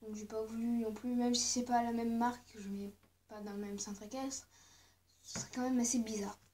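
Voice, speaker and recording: A woman with a fairly high, mellow voice and a level tone speaks briskly in a casual show-and-tell vlog of her collection. She sounds hesitant, her talk full of asides and fillers like "euh" and "voilà."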